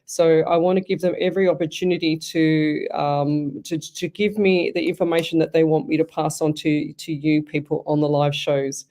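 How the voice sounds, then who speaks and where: On live radio, an Australian psychic medium chats and rambles, often interrupting herself to begin sentences again. She has a deep, mellow voice with fairly even intonation, a moderate pace and few pauses.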